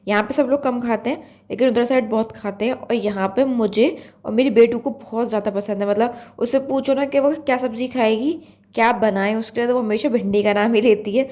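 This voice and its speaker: A young woman with a Uttar Pradesh Hindi accent, hoarse with a blocked nose from a cold, chatting in a rambling way as she narrates her home cooking vlog. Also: fairly high pitch, fairly even intonation, fairly quick, a little mellow. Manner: chatty, rambling, full of fillers. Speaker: vlog host. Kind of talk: casual cooking vlog voice-over.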